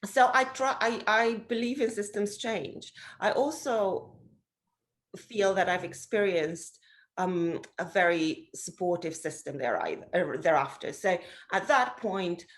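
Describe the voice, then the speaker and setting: A woman in her forties from Romania, speaking as a guest in an interview, thoughtful and hesitant, with many fillers and restarts. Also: on the low side. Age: 40s. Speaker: interview guest, social investor.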